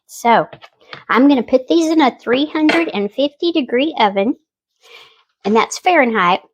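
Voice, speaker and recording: A woman's voice: high voice, expressive, unhurried, a little hiss or hum. A woman hosting a casual cooking demonstration, chatty and homey as she talks viewers through each step. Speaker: home cooking channel host.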